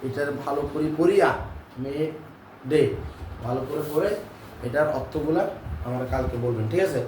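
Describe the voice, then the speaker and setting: A man's voice: a little high, roomy sound. Guy teaching english, keeps asking if they got it, far from the mic, faint room noise. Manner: keeps checking that students understand; drills lines by repeating them. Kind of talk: classroom lesson. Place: classroom with students.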